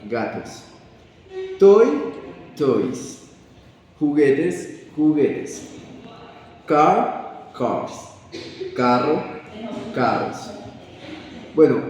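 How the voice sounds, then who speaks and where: A young man explaining English plural rules in a classroom style, halting and correcting himself as he goes. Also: mid-range voice, dark tone, a little hiss or hum. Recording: echoey room, voice far from the mic.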